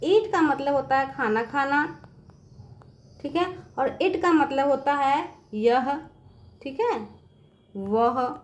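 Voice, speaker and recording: She speaks slowly in a high-pitched voice, pausing often, and the room is echoey. Teaching English words to children in an online lesson, she is patient and repetitive and frequently asks "समझ में आ गया बच्चों?"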